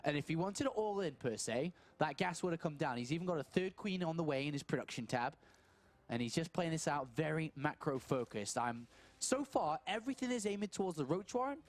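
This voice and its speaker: Animated male esports caster, lively pitch. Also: fairly quick. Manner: animated, thinks aloud in questions. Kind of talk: live game commentary.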